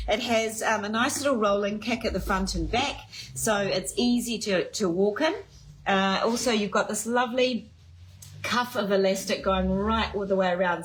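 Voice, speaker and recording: A chatty, enthusiastic woman presenting shoes in a live showcase, with many fillers. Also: mid-range voice. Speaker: fashion presenter. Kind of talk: live shoe showcase chat. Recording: echoey room.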